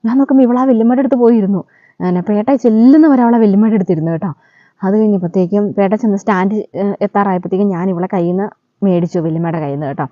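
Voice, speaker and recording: A woman speaks very fast in a medium-pitched voice, telling a chatty vlog story and punctuating it with a friendly "you know." The recording is dull, lo-fi and dry, without echo.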